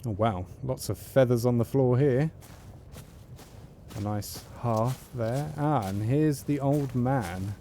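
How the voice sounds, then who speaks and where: Mellow-voiced man narrating his gameplay. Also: mid-range voice, takes it slowly, a little hiss or hum. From United Kingdom. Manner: musing, talks himself through choices. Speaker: gaming channel host. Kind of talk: casual let's-play commentary.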